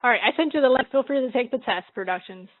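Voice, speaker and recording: A woman's voice: fairly high pitch, fast, dry recording. A woman hosting a drawing livestream, chatting casually and laughing often as she works. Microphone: computer mic she adjusts. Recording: narrow phone-like sound.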